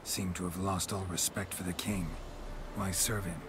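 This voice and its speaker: An actor playing a grim, terse male monster hunter in a video game, speaking in short, gravelly lines. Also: low-pitched, fairly even intonation, moderate pace, background noise, close to an everyday voice. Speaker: player character.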